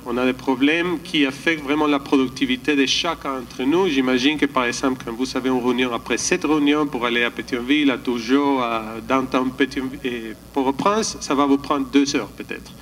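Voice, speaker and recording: A man's voice: mid-range voice, steady tone, brisk, hardly any pauses, a bit bright, a little hiss or hum, poor audio. A man giving a slide presentation at a conference, hesitant, often restarting and searching for words. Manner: calls for the next slide.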